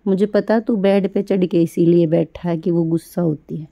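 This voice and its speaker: A middle-aged woman talking baby talk to her pet rabbit, coaxing and doting in a sing-song way with soft laughs. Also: lowish voice, fairly even intonation, moderate pace, vocal fry, highs cut off. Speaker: pet vlogger caring for rescued animals.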